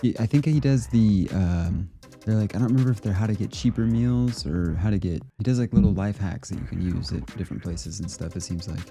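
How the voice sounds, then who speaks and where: A man with a low, very dark and mellow voice talks through clips in a loose, rambling way. He fills his thoughts with "uh" and "you know" and keeps a laid-back, casual tone. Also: brisk, vocal fry, soft background music. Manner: rambling and relaxed, with fillers and laughs. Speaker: host of a conspiracy video series. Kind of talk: casual commentary reacting to clips.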